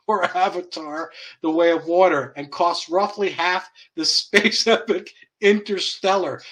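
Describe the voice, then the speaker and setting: A man's voice: high voice, a bit bright. A man hosting an online commentary show, blunt and profane, chuckling mockingly as he rants. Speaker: host.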